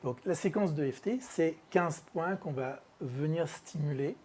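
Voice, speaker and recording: A speaker with a husky, warm and mellow voice leads a workshop as an EFT practitioner. The talk is relaxed, with many pauses and fillers. The speaker tells a case and acts out the dialogue with a child in a mid-range voice. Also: medium pitch.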